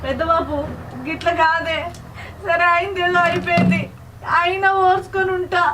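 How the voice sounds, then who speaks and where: A woman's voice: extremely high pitch, fairly even intonation, moderate pace, background noise. A woman with a Telangana accent playing a wronged young wife who pleads through tears, recorded from a distant mic. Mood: weeping. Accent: Telangana Telugu. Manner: tearful, pleading. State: crying. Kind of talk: short film drama acting.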